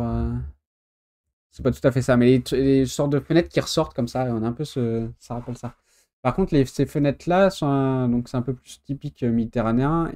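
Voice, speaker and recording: Mellow-voiced man musing casually. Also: mid-range voice. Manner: hesitant thinking aloud, many fillers. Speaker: streamer reacting to a video. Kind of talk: casual chat.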